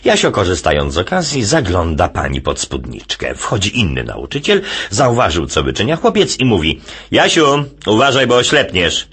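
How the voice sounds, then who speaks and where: A man reading jokes aloud in a lively, animated storytelling manner. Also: deep voice, normal speed, hardly any pauses, slightly rough. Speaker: joke teller.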